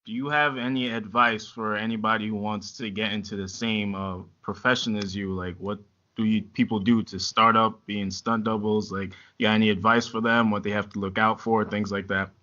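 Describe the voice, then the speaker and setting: A man's voice: on the low side, flat delivery, normal speed, pushed and bright, dull audio. A man co-hosting a podcast, asking the guest questions in a loose, laid-back way. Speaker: podcast co-host. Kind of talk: casual podcast chat.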